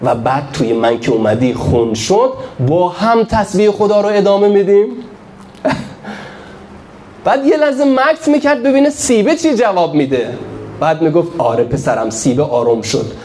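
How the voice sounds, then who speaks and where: A man preaching a religious sermon to a seated crowd, animated, asking rhetorical questions and acting out quoted voices. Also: sits high, slight background noise. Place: outdoors on grass.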